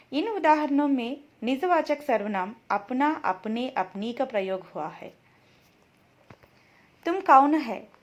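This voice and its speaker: A woman teacher reading out grammar examples and their corrections in a measured lesson style. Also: high-pitched.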